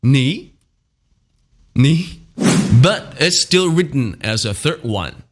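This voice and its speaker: A man teaching a beginner language lesson, speaking slowly and having listeners repeat after him. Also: medium pitch, sing-song. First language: Mandarin Chinese. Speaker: Mandarin teacher and channel host.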